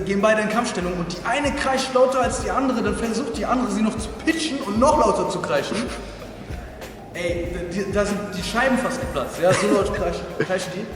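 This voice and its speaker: A man's voice: high-pitched, brisk. A man hosting a martial arts video in a dojo, chatting jokingly to the camera with boisterous mock instruction. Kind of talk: joking tutorial chat to camera. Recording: very echoey hall, music behind.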